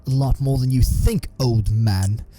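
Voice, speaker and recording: A man's voice: medium pitch, unhurried, warm tone, soft background music, lightly acted. A man doing a proud, indignant Jedi master. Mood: defiant. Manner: raised, strained, indignant. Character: proud male Jedi master, turning bitter.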